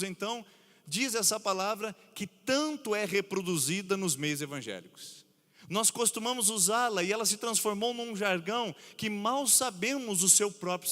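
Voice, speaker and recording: A man from Brazil preaches a sermon in a big church, his voice bright and forceful as it rings out with a long reverb. He reads scripture in a low, measured tone, then lifts his voice to drive his points home. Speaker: pastor. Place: church sanctuary.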